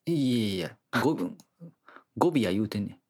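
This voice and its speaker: A man's voice: fairly low pitch, expressive, normal speed, darkish tone. A man with a Kyoto accent co-hosting a podcast in casual chat with teasing retorts. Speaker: podcast co-host.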